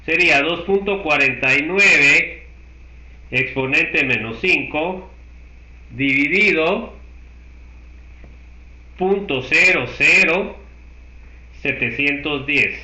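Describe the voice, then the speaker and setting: A man's voice: a little high, animated, slow, long pauses, sharp tone, slight background noise. A man teaching a university chemistry class. He works through each step and keeps checking that the class follows. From Guatemala. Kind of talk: university lecture. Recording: echoey room.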